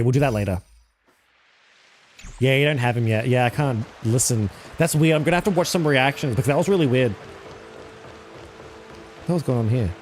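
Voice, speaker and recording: A man streaming a game live, reacting loudly, swearing freely and thinking out loud as he plays. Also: medium pitch. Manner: excitable, swears a lot, thinks aloud. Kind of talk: casual live-stream commentary. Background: faint game music.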